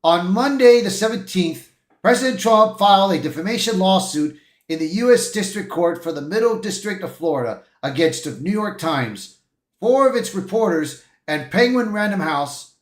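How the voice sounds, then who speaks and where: Hosting a livestream, a man reads articles aloud and adds casual, opinionated remarks, tripping over a word now and then. His high voice has a lively lilt, moves at a moderate pace, and sounds roomy. He keeps it informal, tossing in "bro," "man," and "dude."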